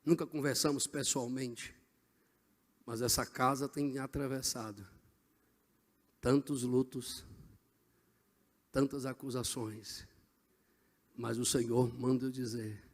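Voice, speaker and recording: Husky man preaching in an echoing hall. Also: mid-range voice, steady tone, takes it slowly, long pauses. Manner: impassioned preaching, swings from hushed to shouting. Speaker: pastor. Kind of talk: Pentecostal sermon.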